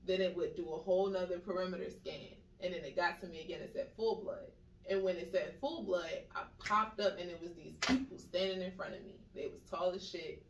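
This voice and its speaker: A woman's voice: fairly low pitch, fairly even intonation, quick pace, few pauses, slight background noise. A woman co-hosting a casual podcast, telling a long story with lots of "like" and acting out the quoted voices. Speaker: podcast co-host. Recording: echoey room, mic at a distance.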